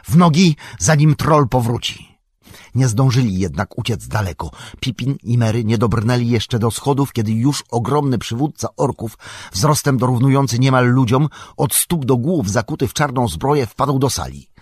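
Man reading fantasy audiobook, husky voice, dry close sound, dramatic pacing. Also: mid-range voice, expressive, darkish tone, dry recording. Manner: dramatic, measured storytelling. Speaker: audiobook narrator. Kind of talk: scripted narration.

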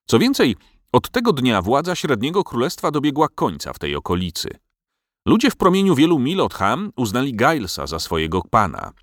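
A man narrating a storybook tale as an audiobook, in an expressive storytelling manner. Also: mid-range voice, a little fast, no echo, studio quality.

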